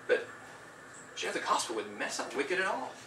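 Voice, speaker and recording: A man's voice: fairly high pitch, wildly swooping pitch, normal speed, background noise. A man giving a formal debate statement in an earnest, preachy, rebuking way. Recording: echoey room, distant mic, faint ambience.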